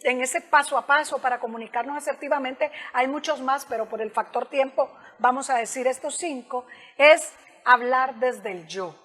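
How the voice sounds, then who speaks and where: A woman with a high voice talks as a communication specialist in an interview. She explains in an animated way and speaks informally and directly to the host. A long reverb trails after her words. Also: normal speed, breathy edge. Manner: animated, acts out example dialogues in other voices.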